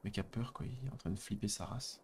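A man's voice: on the low side, fast talker, darkish tone, a little hiss or hum. French man reading game text with jokes. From France. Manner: laughing, swearing, reading game text aloud. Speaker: gameplay commentator. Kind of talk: let's play commentary.

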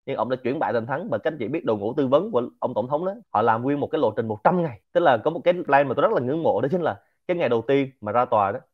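A man with a Central Vietnamese Quảng Nam accent giving a lively, informal lecture to a community and dropping English words into his talk. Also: mid-range voice, racing, few pauses, muffled recording. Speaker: speaker hosting a Q&A session.

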